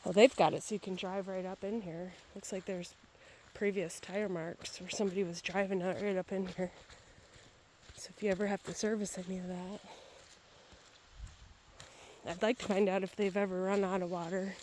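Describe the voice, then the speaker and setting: A woman's voice: mid-range voice, little pitch movement, normal speed, pauses often, darkish tone. A woman chatting casually as she walks and narrates a video tour outdoors by a babbling creek. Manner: chatty, talking while walking. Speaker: real estate agent filming a property walkthrough. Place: outdoors on a wooded property by a creek. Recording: faint outdoor background noise. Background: outdoor ambience by a babbling creek.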